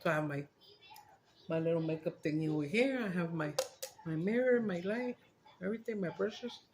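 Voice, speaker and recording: A mukbang vlogger with a Chicano English accent chats casually and candidly to viewers from a small dining and living room at home, rambling, swearing at times, and slipping between English and Spanish. Her voice is fairly low and expressive at a normal pace, with background noise.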